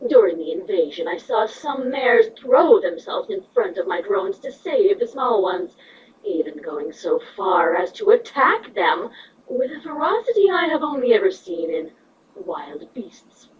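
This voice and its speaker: A woman's voice: medium pitch, big pitch swings, a little slow. A woman voicing a proud, wary insect-like queen in a fan fiction reading, in a guarded, matter-of-fact manner. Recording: dull distant mic, noisy background.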